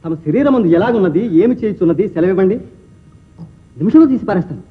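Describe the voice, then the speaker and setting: A fussy comic royal physician. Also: male voice, high-pitched, expressive, fast, husky, narrow, tinny audio. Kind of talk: 1960s film acting. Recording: phone-thin old film soundtrack.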